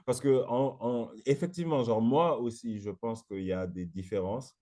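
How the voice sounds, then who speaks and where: A man's voice: medium pitch, normal speed, warm tone. A man hosting a casual debate chat, talking hesitantly in slang, often restarting his words. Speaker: host.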